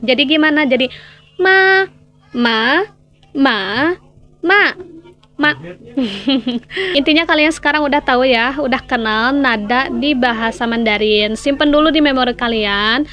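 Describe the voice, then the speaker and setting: A woman's voice: high-pitched, normal speed, a bit bright. A woman hosting a casual language lesson. She explains in a chatty way and demonstrates sounds aloud. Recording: slightly muffled with faint background music.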